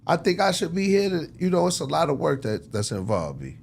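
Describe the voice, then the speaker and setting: This man's voice sits on the high side and moves fast, with huge pitch swings, vocal fry, and a faint hiss or hum behind it. Cast as an interviewed record executive, he argues emphatically and persuasively, leaning on slang and saying things over again in relaxed, fervent industry chatter.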